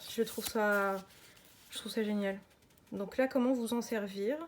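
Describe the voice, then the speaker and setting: A woman's voice: mid-range voice, steady tone, measured pace, a little hiss or hum. A woman chatting casually and enthusiastically through an unboxing, with lots of hesitations. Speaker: tarot and oracle deck reviewer.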